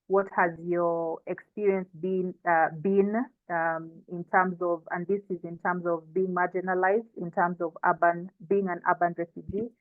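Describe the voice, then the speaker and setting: This clip has the thin, phone-like quality of an online call, with no echo. A coastal Kenyan woman with a fairly low-pitched voice and a Kenyan accent introduces panelists as she informally hosts and moderates the online session.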